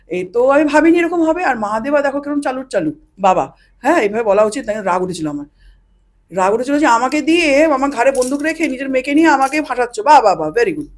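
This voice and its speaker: A woman guest on a podcast, a past life regression practitioner, telling a story animatedly, acting out quoted dialogue and slipping in English phrases. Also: sits high.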